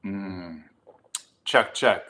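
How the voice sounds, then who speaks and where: A man's voice: low voice, very slow, noisy background. A tired, jet-lagged middle-aged man chatting casually to camera about his vinyl purchases, rambling with many ums and restarts.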